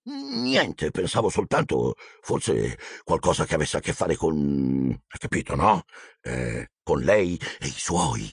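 A man's voice: medium pitch, wildly swooping pitch, unhurried, gravelly, a bit bright, slightly rough, no echo, studio quality, pitched above the performer's own voice, heavily acted. A man voicing a nervous, stuffy middle-aged husband who mumbles and hesitates, in an audiobook reading.

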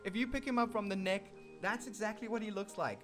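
A man with a South African accent hosting casual gameplay commentary, excitable and talking straight to his viewers. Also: high voice, fairly quick, soft background music. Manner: excitable, keeps addressing viewers as "ladies and gentlemen"; meows and plays along as his kitten character. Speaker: gaming channel host.

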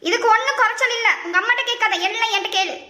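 A shrill, bright cartoon grandmother, voiced by a woman, grumbling and scolding without pause. The very high, sped-up voice rings in a roomy, echoey space. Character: scolding old grandmother, mother-in-law, nagging.

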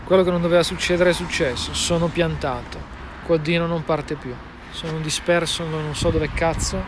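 Man, northern Italian accent, exasperated vlogger, sweary, casual, higher-than-average pitch, noisy roadside sound. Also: fairly even intonation, normal speed. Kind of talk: casual vlog to camera. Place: outdoors at a roadside.

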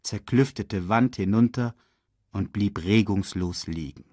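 A man reading a children's story aloud in a slow, dramatic storytelling manner. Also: no echo, studio quality. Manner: slow and dramatic, very lively in pitch. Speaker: audiobook reader. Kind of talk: storybook narration.

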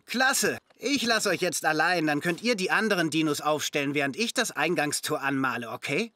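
Upbeat, high-voiced male cartoon foreman. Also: lively intonation, moderate pace, no echo. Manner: cheerful, instructing. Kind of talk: animated children's series dialogue. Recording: loud music behind the voice.

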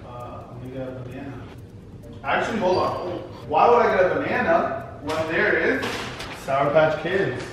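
A man's voice: a little high, lively intonation, moderate pace, in a large hall, background noise. A man in his twenties chatting casually in a vlog, talking back defensively in frat-bro slang. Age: 20s. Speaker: vlogger. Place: outdoor backyard court and living room. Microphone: handheld camera at some distance.

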